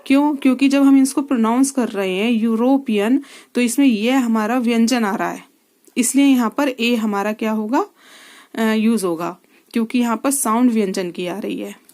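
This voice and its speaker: A woman's voice: fairly high pitch, moderate pace, a little mellow. A woman English teacher explaining grammar rules step by step, asking her students questions as she writes on a board. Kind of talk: classroom grammar lesson.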